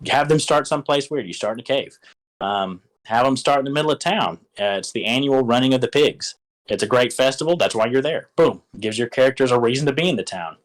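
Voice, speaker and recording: A man's voice: mid-range voice, animated, a little fast, rough recording. A man casually explaining how to run a tabletop game, rambling with lots of fillers and restarts. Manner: rambling, filler-heavy, enthusiastic. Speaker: game master giving advice. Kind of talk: casual instructional talk.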